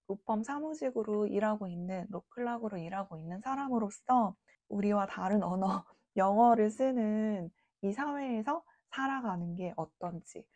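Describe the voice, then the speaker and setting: Woman in her late thirties from South Korea, vlogger, chatty and reflective, warm low-key tone, dry close sound. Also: no room sound. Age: late 30s. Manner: chatty and reflective, informal speech. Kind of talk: casual talking-to-camera vlog.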